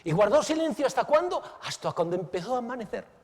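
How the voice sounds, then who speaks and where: A man preaching a sermon as pastor. He is dramatic, swings between exclamations and hushed asides, and keeps asking the listeners questions. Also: very high-pitched, big pitch swings, fast, long reverb tail. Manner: asks the listeners direct questions.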